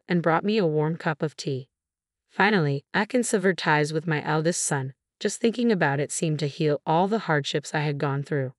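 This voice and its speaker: A woman with a low-pitched voice narrates a first-person story. She keeps a steady, measured pace. The recording is dry and close, with no room sound. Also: dry recording.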